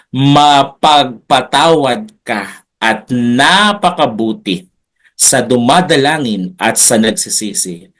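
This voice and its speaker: A pastor with a mid-range voice teaches a Bible lesson in an unhurried, chatty preaching style, sprinkling in jokes and asides to his listeners.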